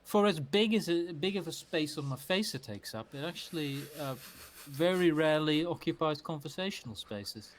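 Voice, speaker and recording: A man's voice: fairly high pitch, animated, moderate pace, hardly any pauses, a little hiss or hum. A man guesting on a podcast, chatting casually and riffing playfully into silly bits. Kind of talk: casual comedic chat.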